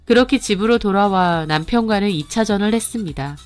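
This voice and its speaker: A woman narrating a dramatic radio story in the first person, telling it in an expressive, confiding way. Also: medium pitch, brisk, soft background music.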